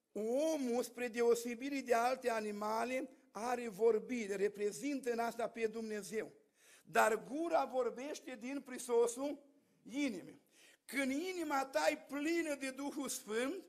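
High-voiced Romanian man preaching. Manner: storytelling, acting out quoted dialogue, rising to fervent exhortation. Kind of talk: Pentecostal sermon with personal testimony. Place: church.

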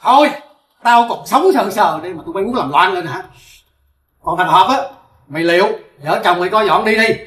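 A man's voice: sits high, lively intonation, fairly quick, a bit bright. An actor playing an angry, domineering older rural father-in-law with a Southern Vietnamese accent, scolding and commanding. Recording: roomy, distant mic.

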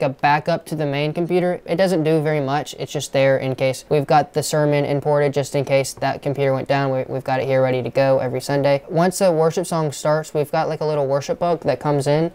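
Young man explaining gear in a clear, smooth voice. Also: on the high side. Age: young adult. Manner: steady, matter-of-fact technical explaining. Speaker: church video technician giving a tour. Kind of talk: casual explanatory tour. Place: small dark broadcast control room indoors.

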